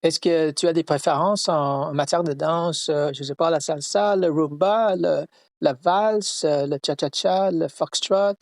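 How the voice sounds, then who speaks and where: A man casually chatting with an AI assistant, speaking haltingly with many hesitations and restarts. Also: fairly high pitch, vocal fry, dry recording, clean studio sound. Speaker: host chatting with an AI. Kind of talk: casual chat.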